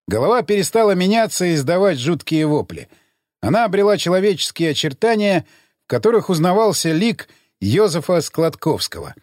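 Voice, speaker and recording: A man narrating an audiobook in an expressive, theatrical style. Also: high voice, dry recording, clean studio sound.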